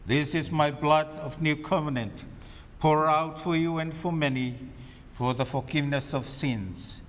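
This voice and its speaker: Man, cathedral-like echo, slightly high pitch, solemn minister, formal liturgical recitation, short measured phrases. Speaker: minister leading communion. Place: large reverberant church. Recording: long cathedral-like echo, reverberant hall.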